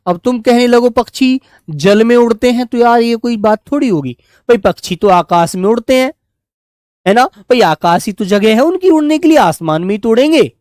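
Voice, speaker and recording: A man teaching an online grammar class, speaking slowly and repeating his points as he coaxes his pupils along. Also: very high-pitched, lively intonation, a little mellow, no echo, studio quality. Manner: drawn-out, repetitive, coaxing tone toward pupils.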